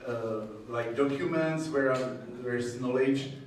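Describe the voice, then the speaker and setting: A university groundwater modeler from the Czech Republic gives a technical conference talk in a Czech accent, speaking hesitantly and haltingly with frequent pauses in a mid-range voice. He's in an indoor presentation room with strong echo, captured by a distant mic with faint background noise.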